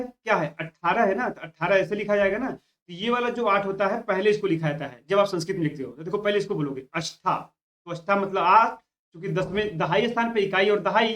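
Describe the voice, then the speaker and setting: A man's voice: high voice, fairly bright tone. A man teaching an online exam-prep lesson, often repeating key words and telling students to note them down. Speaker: Hindi exam tutor.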